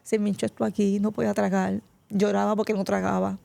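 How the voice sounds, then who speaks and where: A middle-aged woman tells her life testimony as a guest, heartfelt and close to tears. Her voice is deeply gravelly and mellow. The recording is dry and close. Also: level tone, fast, no room sound. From Puerto Rico. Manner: tearful, heartfelt storytelling, often addressing the host by name. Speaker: pastor, interview guest. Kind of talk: emotional personal testimony.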